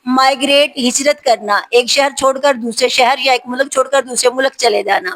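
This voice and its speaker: A woman with a high voice runs a spelling practice lesson. She says each word slowly and clearly, then gives a short explanation with examples. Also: a bit bright, rough recording. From Pakistan. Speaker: teacher.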